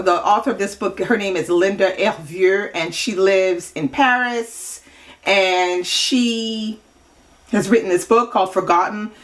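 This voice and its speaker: Woman, book vlogger, casual chat to camera, chatty, lots of asides and fillers, mid-range voice. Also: medium pitch.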